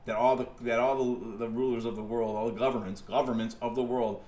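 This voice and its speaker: A man hosting his own podcast, ranting profanely about government and safety, sliding from low mutters to loud outbursts and often restarting his words. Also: fairly even intonation, brisk, echoey room. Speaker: podcast host. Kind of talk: impassioned political monologue.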